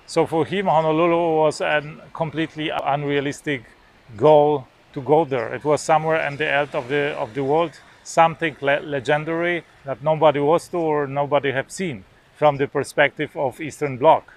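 Outdoors on a beach lawn, a native Polish-speaking man from Poland in his forties vlogs casually, hesitant and full of filler sounds and restarts. He has a fairly high pitch, a steady tone and a moderate pace.

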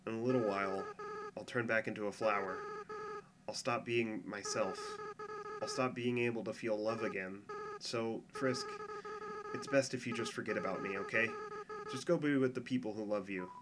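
A man's voice: medium pitch, measured pace, heavy background noise, natural voice. A man voicing a tearful young goat monster boy. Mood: quiet farewell. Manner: soft, pleading and earnest. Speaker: fan voice actor. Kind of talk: fan dub of a game scene. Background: music.

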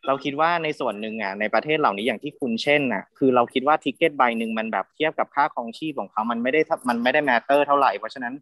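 A man's voice: medium pitch, racing, few pauses, a bit bright, dry recording, clean studio sound. A man on a theatre panel, talking casually over a video call and thinking aloud with many fillers.

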